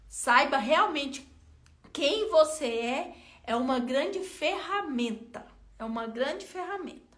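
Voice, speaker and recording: Brazilian woman, self-help vlogger, very high bright voice, chatty and expressive, talks to the viewer directly. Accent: Brazilian Portuguese. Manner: expressive, colloquial storyteller addressing viewers directly. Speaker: self-help content creator. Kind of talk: motivational talk with personal story.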